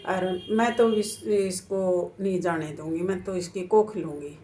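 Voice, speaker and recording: A woman's voice: lowish voice, steady tone, a little slow, dark tone, slight background noise, natural voice. Woman voicing an insistent, grieving mother goddess. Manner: insistent, demanding.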